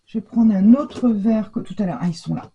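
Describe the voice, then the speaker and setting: A woman's voice: medium pitch, moderate pace, warm tone, slight background noise. An older woman chatting casually through a scrapbooking tutorial from her home craft room, thinking aloud as she works. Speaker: scrapbooking vlogger. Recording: dull lo-fi sound.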